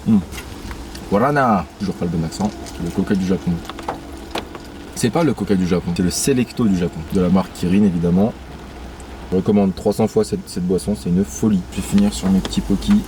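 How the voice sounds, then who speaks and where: A man's voice: sits low, fairly even intonation, brisk. A young man vlogging casually to camera outdoors, slangy and joking as he tastes food, swearing freely. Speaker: travel vlogger. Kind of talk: casual vlog chat to camera. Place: outdoors in the rain. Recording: loud rain and outdoor noise. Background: rain and passing traffic.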